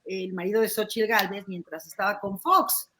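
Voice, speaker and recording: A woman's voice: medium pitch, steady tone, normal speed, fairly bright tone. A woman, a guest on a political panel, starting with hesitant fillers before giving her view.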